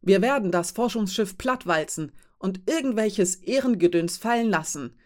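A woman reading an audiobook voices a desperate, furious mother who shouts and pleads in a high, strained voice. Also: lively intonation, moderate pace, natural voice. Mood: desperate, shouting. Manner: shouting, wavering between demand and pleading. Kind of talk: audiobook character voice.

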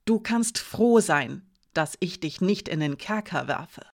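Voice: medium pitch, lively intonation, takes it slowly, gravelly. An audiobook reader voicing a stern female commander who questions in a clipped, cold way. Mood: menacing. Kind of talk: audiobook character voice.

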